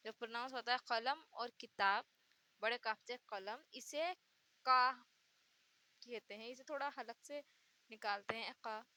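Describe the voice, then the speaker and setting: Slow, bright-voiced woman teaching letters. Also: a little high, clean tone, dry recording. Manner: patient, repeats each letter sound with examples. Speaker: Urdu teacher. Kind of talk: slow letter-by-letter pronunciation lesson.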